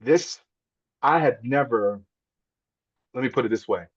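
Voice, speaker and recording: A man's voice: medium pitch, a little slow, dry recording, highs cut off. A man, a podcast guest, telling a heartfelt personal story in an earnest, emotional way, repeating words when moved.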